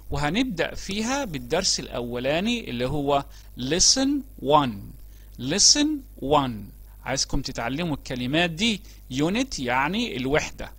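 A man with an Egyptian Arabic accent teaching an English lesson to young children, drawing out each English word slowly and answering his own questions. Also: fairly high pitch, fairly bright tone, slight background noise. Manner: slow, drawn-out repetition of English words for children; asks pupils questions and answers them himself.

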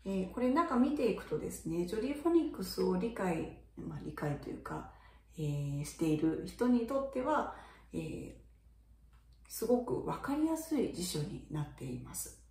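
A chatty middle-aged woman teacher explains in a relaxed, friendly lesson, her pitch rising and falling a lot. Her voice is mellow and dark in tone, and it sounds roomy, as if the mic is a little way off. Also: normal speed, far from the mic. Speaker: English teacher for young children. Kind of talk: casual video lesson.

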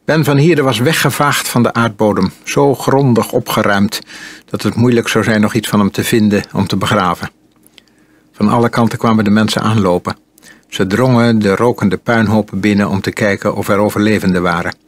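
Male audiobook narrator, calm and measured, lowish husky voice. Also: no echo. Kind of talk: audiobook reading.

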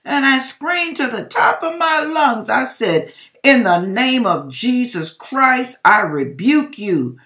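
A middle-aged American woman in her home kitchen reads viewers' dream accounts aloud, theatrical and emphatic, stretching out her words. Her voice is on the high side, expressive, slow and a bit bright as she addresses the audience directly.

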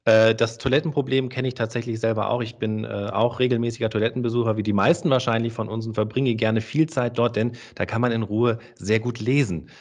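A man's voice: medium pitch, steady tone, brisk, hardly any pauses. A man moderating an online event, hesitant with many fillers and some light joking. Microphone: video call.

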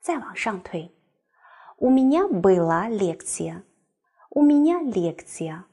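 A woman teaching a language class, explaining step by step and reading example sentences slowly and clearly. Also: medium pitch, very animated, dark tone. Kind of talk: recorded classroom lecture.

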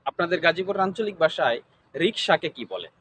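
Interviewer, man, high voice, repetitive formal questions. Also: expressive, fairly quick, fairly bright tone, slight background noise.

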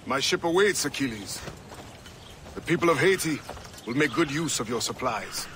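A man's voice: mid-range voice, animated, normal speed, background noise, close to an everyday voice. An actor playing a dignified male ship captain who speaks formally and confidently.

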